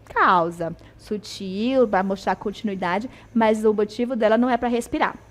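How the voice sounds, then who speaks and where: A woman's voice: mid-range voice, moderate pace. A woman with a Brazilian accent teaching a video lesson, explaining in a chatty way with frequent tag questions. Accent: Brazilian Portuguese.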